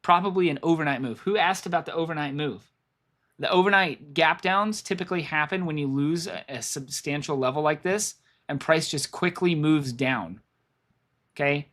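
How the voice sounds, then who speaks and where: Losing his voice, a stock market streamer walks viewers through trading charts live, his slightly raised pitch going hoarse. He talks at a normal speed, rambling, repeating phrases and thinking aloud as he clicks around.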